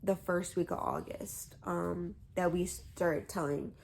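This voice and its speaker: A woman's voice: fairly low pitch, fairly even intonation, slow, gravelly, a little mellow, a little hiss or hum. A young woman telling a personal story to camera in a rambling, hesitant way with many fillers. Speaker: vlogger.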